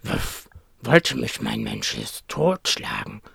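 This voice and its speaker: A storyteller voicing a tired old hunting dog in a lowered, weary voice. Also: huge pitch swings, slow pace, creaky, fairly bright tone, breathy edge, dry recording, studio quality, full character voice. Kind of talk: storybook reading.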